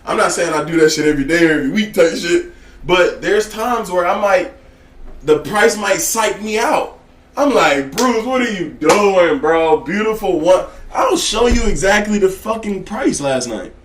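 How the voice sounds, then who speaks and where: Man, fairly high voice, blunt profane trading talk, slangy, echoey room. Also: animated, moderate pace, fairly bright tone, slight background noise. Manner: blunt, slangy, repeats "you get what I'm saying". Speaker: trading educator.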